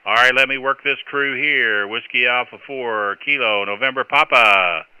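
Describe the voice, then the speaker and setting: A man's voice: mid-range voice, moderate pace, background noise. A man working as an amateur radio net controller, speaking in courteous, procedural marine radio style with phonetic call signs.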